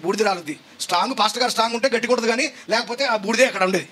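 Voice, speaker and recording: High-voiced emphatic preacher man. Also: rapid-fire, slightly rough. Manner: emphatic, rhetorical questions, rising to shouts. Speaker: pastor. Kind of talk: sermon.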